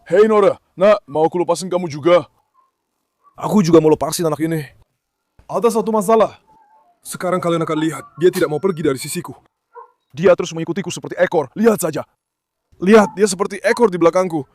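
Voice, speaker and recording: A man's voice: high-pitched, fast, pauses often, a little mellow, no room sound. A man hosting a farm vlog, speaking affectionately to his dogs and calling out repeated commands to them. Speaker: dog breeder and farm owner. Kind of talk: casual vlog narration.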